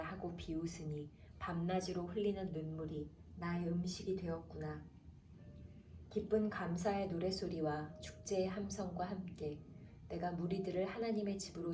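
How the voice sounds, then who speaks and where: A woman announcer reading the Bible aloud in a calm, measured way, slowing down for the chapter headings. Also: lowish voice. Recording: roomy echo, distant from mic, faint background noise.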